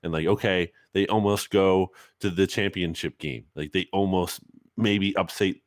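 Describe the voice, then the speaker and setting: A man's voice: deep voice, fairly even intonation, normal speed, no echo, studio quality. A man co-hosting a sports podcast in casual, conversational talk full of hedging asides. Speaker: podcast co-host.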